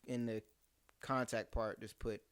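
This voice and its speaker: A man's voice: medium pitch, steady tone, a little slow, clear, resonant tone, no room sound. A man in his twenties hosting a podcast, chatting casually and reading sponsor plugs loosely. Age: 20s. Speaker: podcast host.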